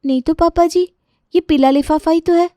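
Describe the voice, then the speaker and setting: A woman's voice: very high-pitched, fairly even intonation, normal speed, mellow, dry recording, studio quality, pitched above the performer's own voice. A woman doing a meek young cartoon bride. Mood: apologetic. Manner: apologetic, pleading. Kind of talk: cartoon story voice acting.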